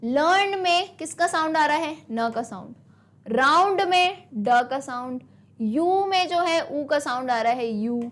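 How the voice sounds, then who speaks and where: A young woman with a high voice teaches an online exam-prep lesson. She talks briskly and encouragingly, mixing Hindi and English, and slows right down to read English lines aloud. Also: animated. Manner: brisk, encouraging, calls students "beta"; switches between Hindi and English, reads English lines slowly.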